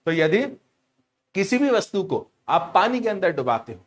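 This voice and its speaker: A high-voiced male teacher gives a lively lesson, telling stories and teasing his students. He asks questions and repeats key words back, so the talk bounces along. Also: normal speed. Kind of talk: lively storytelling lecture.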